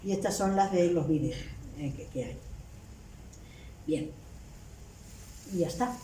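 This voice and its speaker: Canarian woman, academic lecturer, wry asides, mellow voice, distant echoey hall pickup. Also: fairly low pitch, measured pace. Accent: Canarian Spanish. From Canary Islands. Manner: lively, wry, with teasing asides. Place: hotel hall. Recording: roomy hall audio from a distance with faint noise.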